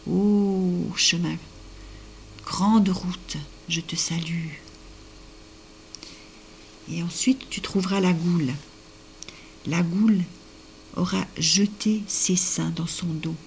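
A kind young man from a told folk tale, as a woman storyteller puts him on, giving careful step-by-step advice. He speaks in a hushed, often whispered voice, fairly low in pitch. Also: fairly even intonation, slow pace, long pauses, slight background noise. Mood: confiding. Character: kind helpful young man, the ghoul's son.

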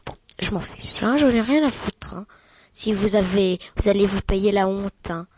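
A woman's voice: mid-range voice, normal speed, slightly rough, no room sound, highs cut off. A woman hosting a mock radio show in an improvised comic sketch, scolding and swearing with many "hein" fillers.

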